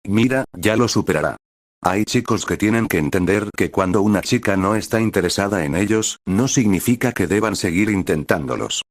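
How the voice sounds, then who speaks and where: A man voicing a blunt, sarcastic teenage girl camper, firm and exasperated, in his own low voice. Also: dry recording, studio quality, natural voice.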